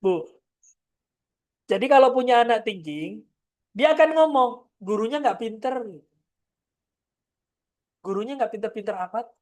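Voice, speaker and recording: A woman's voice: fairly high pitch, lively intonation, moderate pace, pauses often, a little mellow. A woman giving a parenting seminar in a direct, firm manner, often turning to address the parents in the audience. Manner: acts out short parent-child exchanges. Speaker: parenting trainer. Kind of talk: seminar lecture.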